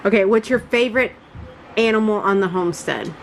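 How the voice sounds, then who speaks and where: Mom briskly quizzing her kids. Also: medium pitch, slight background noise, poor audio. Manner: brisk, prompting questions with short encouraging replies. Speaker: mother and channel host interviewing her children. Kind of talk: casual family question round.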